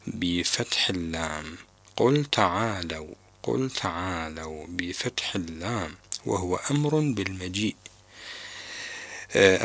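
A man teaching Quran recitation on a call-in broadcast, explaining pronunciation carefully and deliberately. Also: fairly low pitch, pushed and bright, no room sound.

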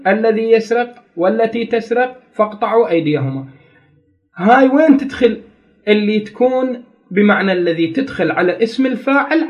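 The audio is dull as a man with a high-sitting voice delivers a classroom grammar lesson, working step by step, repeating key terms, and asking his students questions.

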